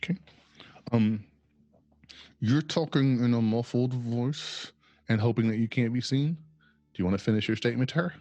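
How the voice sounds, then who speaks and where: A man running a tabletop game as game master, narrating in a relaxed, matter-of-fact way. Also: mid-range voice, moderate pace, long pauses, no room sound.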